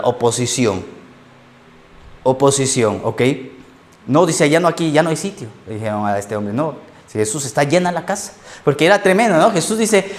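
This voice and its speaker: Male pastor preaching in church, fairly high voice, acts out the quotes. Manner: lively storytelling, acting out quoted lines; asks the congregation "ok?" often. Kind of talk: sermon.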